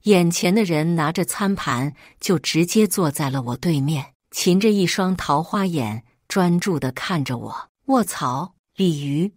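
A woman narrates a first-person story with expressive delivery. Her voice sits low but moves a lot in pitch. The sound is dry and close to the mic. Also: a little slow, hardly any pauses, no room sound. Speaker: story reader.

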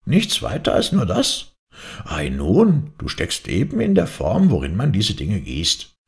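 Grumpy scolding spirit, read by a man, storybook, deep gravelly voice. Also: wildly swooping pitch, measured pace, exaggerated voice. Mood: mocking.

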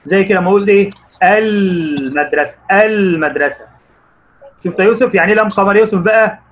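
A man with an Egyptian Arabic accent teaching young pupils online, encouraging them and quizzing them by name, stretching out words slowly as he reads. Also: sits high, muffled recording, a little hiss or hum. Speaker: primary school Arabic teacher.

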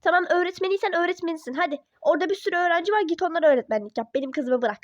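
A woman's voice: extremely high pitch, racing, no echo, dull audio. A woman voicing a pushy middle-aged mother who coaxes her daughter to come home in a toy-app role-play drama. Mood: coaxing. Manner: coaxing, dismissive.

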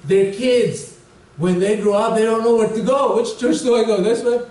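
A man's voice: high-pitched, moderate pace, warm tone. A middle-aged male pastor preaching a conversational sermon with humor, heard from a distance in a church hall. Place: church hall stage with large windows behind. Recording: echoey hall, voice from far off.

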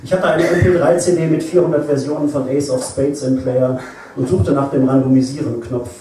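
A middle-aged man reading his own prose aloud in a wry, deadpan way, at a live reading in an echoey venue. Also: mid-range voice, a little fast, recorded from a distance, noisy background. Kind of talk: live literary reading, first-person narration.

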